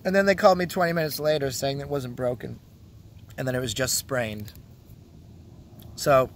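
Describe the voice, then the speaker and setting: A man's voice: fairly high pitch, fairly bright tone, slight background noise. A Canadian man with a Canadian English accent ranting casually to camera, swearing often and telling his story with heavy sarcasm. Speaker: vlogger.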